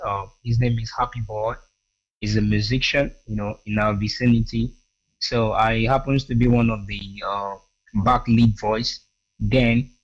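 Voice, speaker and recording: A man guesting on a radio interview, with a mid-range voice. He restarts his sentences often and fills every pause with "you know." The audio is dull and lo-fi. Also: medium pitch. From Edo State, Nigeria. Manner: hesitant, full of "you know" fillers and restarts. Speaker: singer and guest.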